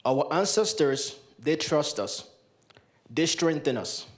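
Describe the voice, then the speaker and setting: A young man from Ghana leads a libation in a large hall, delivering solemn invocations over and over into a handheld mic. His voice is fairly high and animated, yet his pace stays slow in this ceremonial address.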